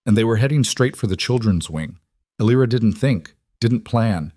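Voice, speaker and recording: A man reading a dramatic fantasy story as scripted narration, in a measured, dramatic way. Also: lowish voice, expressive, warm tone, slight background noise.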